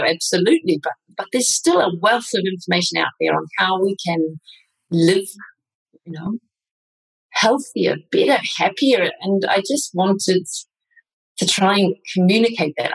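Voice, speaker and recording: A woman, a neuroscientist guest on an interview, talking in an animated, chatty way. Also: mid-range voice, husky, poor audio. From New Zealand. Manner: animated, chatty, many fillers and restarts. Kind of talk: conversational interview.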